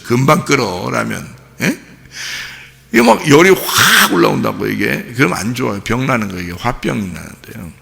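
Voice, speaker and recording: A man preaching at a dawn service in a gravelly, sharp-edged voice. He presses his points with repeated words and keeps firing questions at the congregation. The sound carries a long reverb that rings through the church sanctuary. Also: medium pitch. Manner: emphatic, repeats key words. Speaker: pastor. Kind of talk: early-morning sermon.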